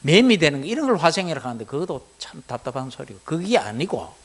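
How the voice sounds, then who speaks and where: A middle-aged man with a Gyeongsang Korean accent lectures on Buddhism to lay students, pitched high for a man. His voice swings widely up and down as he fires rhetorical questions at the class. The delivery stays lively and conversational. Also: fast, breathy edge. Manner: animated, keeps asking the class rhetorical questions.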